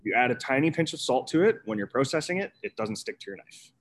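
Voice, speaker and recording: A man's voice: medium pitch, sing-song, fast talker. A man, an executive chef, talking casually and rambling with many fillers and restarts. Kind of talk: casual conversational storytelling.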